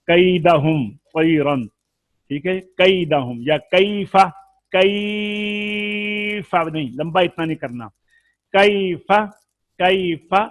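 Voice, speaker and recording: A man's voice: a little high, no echo. A man teaching Quran recitation in an explanatory lesson, patiently drawing out vowel sounds to demonstrate them.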